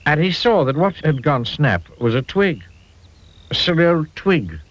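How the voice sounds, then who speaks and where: A man reading a children's storybook aloud in an expressive, playful way. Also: a little high, measured pace. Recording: dull lo-fi audio.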